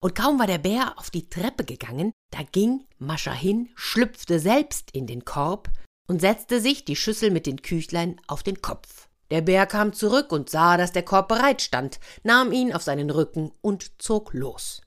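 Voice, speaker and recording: A woman with a fairly low voice tells a fairy tale to children, lively and animated. She leans in with confiding little asides as if sharing secrets with her young listeners. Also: measured pace. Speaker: storyteller.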